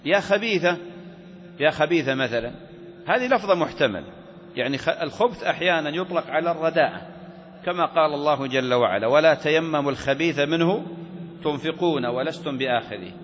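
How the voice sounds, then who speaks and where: A man's voice: a little high, expressive, fairly quick, fairly bright tone. A man teaching Islamic jurisprudence, asking his class questions and answering them himself. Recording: reverberant hall with faint ambient noise.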